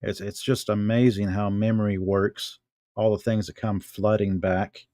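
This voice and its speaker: A middle-aged American man hosts a casual show-and-tell vlog at home, musing to himself in an unhurried way as he handles objects. His voice is lowish, level and mellow, recorded cleanly in a studio-like space with no room sound.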